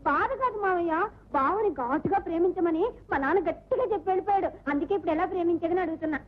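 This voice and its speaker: An actress playing a naive young bride-to-be who complains in a whiny, comic way. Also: female voice, very high-pitched, very fast. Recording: lo-fi film soundtrack.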